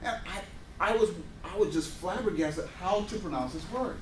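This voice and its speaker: Speaking at a moderate pace to an audience in an indoor workshop room, a high-voiced man in his 40s shares personal anecdotes, acting out the dialogue with animation. The room sounds roomy, he's recorded from a distance, and there's slight hiss or hum.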